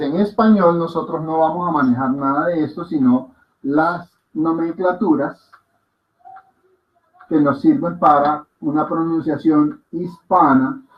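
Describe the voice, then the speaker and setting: A male teacher leads a class at an unhurried pace. He patiently sounds out each vowel and checks in with the room. The recording is dull and lo-fi. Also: a little high. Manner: patient, demonstrative, repeats sounds and checks for understanding. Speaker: language teacher. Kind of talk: classroom lesson.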